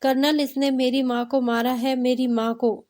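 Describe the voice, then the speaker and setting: A woman's voice: high-pitched, flat delivery, normal speed, darkish tone, close to an everyday voice. A woman reading the lines of a fierce, grieving young man in a storybook tale. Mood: furious.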